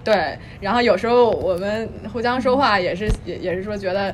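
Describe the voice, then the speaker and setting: A woman's voice: medium pitch, fairly quick, a little hiss or hum. A young woman from Beijing with a Beijing accent, a podcast guest telling stories in a chatty, slangy, blunt way. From Beijing, China. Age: young adult. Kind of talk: casual chat.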